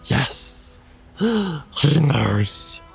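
Gollum, a whining, creaky creature. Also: female voice, sing-song, extremely slow, faint music behind, full character voice. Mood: pleading. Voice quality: creaky, hissing whisper. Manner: whimpering, wildly swooping pitch. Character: wretched hungry creature, fawning and fearful. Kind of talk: audiobook character voice.

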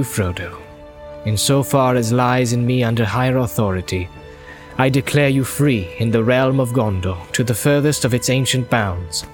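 A man voicing a noble, stern captain in an audiobook, measured, formal and solemn. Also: mid-range voice, natural voice. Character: grave noble male captain, stern and just. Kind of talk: audiobook character voice.

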